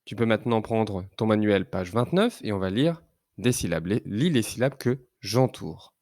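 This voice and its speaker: A man teaching young children to read, sounding out syllables slowly and carefully. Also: on the low side, lively intonation, a little mellow, no room sound. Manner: slow, careful, drawn-out syllables. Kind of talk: slow reading lesson for young children.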